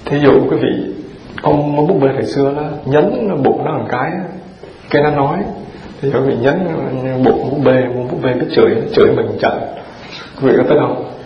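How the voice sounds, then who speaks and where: Monk preaching in a roomy hall. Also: male voice, mid-range voice, normal speed, a crowd in the background. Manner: lively rhetorical questions to the audience, folksy and humorous. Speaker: Buddhist monk teaching. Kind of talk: dharma talk sermon. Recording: roomy dull hall recording with audience present.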